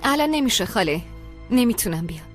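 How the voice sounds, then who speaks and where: A woman's voice: on the high side, big pitch swings, soft background music. An actress playing an earnest young woman who defends her engagement to her parents in a dubbed TV drama. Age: young adult. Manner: pleading and earnest. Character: young woman in love, defying her mother. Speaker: daughter.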